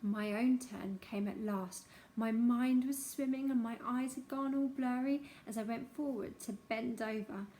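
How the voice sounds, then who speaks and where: High-voiced woman reading a memoir aloud. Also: measured pace. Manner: expressive storytelling. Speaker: narrator.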